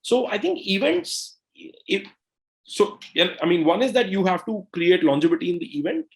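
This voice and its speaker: Animated man telling business stories. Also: sits high. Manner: animated, fast bursts, frequent "right?" and "you know". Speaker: co-founder and CEO, podcast guest. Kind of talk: conversational interview storytelling.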